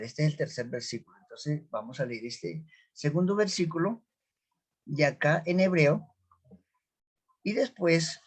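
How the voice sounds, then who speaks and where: A man teaching a scripture lesson, sounding out Hebrew words slowly and repeating them as he explains. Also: a little high. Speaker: Bible teacher.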